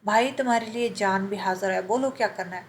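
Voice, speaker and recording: A woman's voice: medium pitch, slight background noise, natural voice. A woman reading an easygoing young male friend. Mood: casual.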